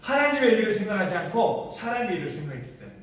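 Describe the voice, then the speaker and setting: A man's voice: sits high, sing-song, very fast. A man preaching a sermon to his congregation as pastor, asking them questions and acting out quoted lines. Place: large echoey hall used for a church service. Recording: very echoey room, voice from far off the mic.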